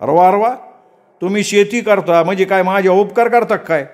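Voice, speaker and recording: A man voicing a hot-tempered village shopkeeper who sneers and scolds in a loud, raised voice. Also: high-pitched, brisk, pitched above the performer's own voice, natural voice. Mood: scornful.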